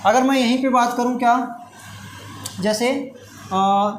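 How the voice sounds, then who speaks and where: Unusually, this middle-aged math teacher talks at a slow pace, his voice extremely high with fairly even intonation. He asks the students questions and gives the answers himself in call-and-response style. An echoey classroom and faint hiss come through on the recording.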